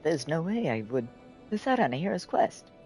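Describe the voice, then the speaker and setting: An excitable young boy from a video game chatters eagerly and begs to come along, put on by a man. The voice is pushed noticeably higher than natural, with a mellow tone over faint background music. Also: normal speed, rough recording. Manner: eager, pleading.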